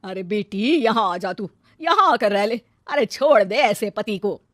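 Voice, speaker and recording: A woman playing a gentle older mother. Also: mid-range voice, lively intonation, a little slow, dry recording, clean studio sound, lightly acted. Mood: soothing. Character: soft-hearted older mother, worn down.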